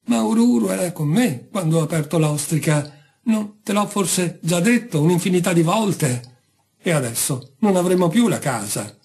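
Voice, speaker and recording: A man's voice: sits high, lively intonation, moderate pace, creaky, a little mellow. A man voicing an anxious, whining island wife in a read-aloud story. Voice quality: whiny.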